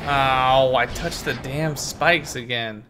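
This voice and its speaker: A young man hosting a gaming channel, commentating his play with loud, profane, raging outbursts. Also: mid-range voice, slow pace. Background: game music.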